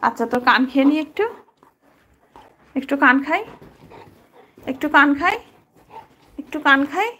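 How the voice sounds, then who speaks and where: A woman's voice: high voice, animated, measured pace, long pauses, bright, forceful tone. A woman talking playfully to her pet dog, coaxing it with short repeated commands. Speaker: dog owner.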